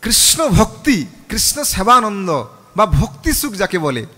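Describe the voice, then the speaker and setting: A man's voice: sits high, big pitch swings, a little slow, bright, forceful tone, big-room sound. A man, a monk, preaching a scripture sermon, asking the audience questions and leading them in chanting. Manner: call-and-response, chants the mantra with the audience.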